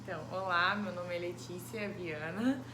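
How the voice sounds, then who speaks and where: In a relaxed recorded interview, a Brazilian woman in her twenties considers each question carefully, hesitating with many fillers. She speaks at normal speed in a rather low voice. Echo and background noise fill the room.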